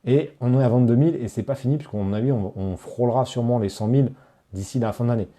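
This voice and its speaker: A man's voice: mid-range voice, fast talker, dark tone. A man hosting a live stream, chatting casually with viewers and answering their questions, with lots of fillers and restarts. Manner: talks straight to viewers, reads out chat questions. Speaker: online course creator hosting a live Q&A.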